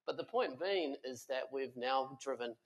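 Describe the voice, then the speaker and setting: A tech company founder speaks as a guest on a conference panel, on stage before an audience, sounding earnest but full of fillers and restarts. His mid-range voice has lively intonation and a normal speed.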